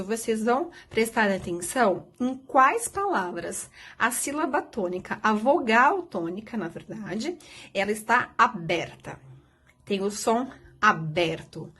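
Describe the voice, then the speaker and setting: Lively, husky-voiced woman teacher. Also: medium pitch. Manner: patient, explanatory, asks questions of children. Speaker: primary school teacher. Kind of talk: recorded remote lesson.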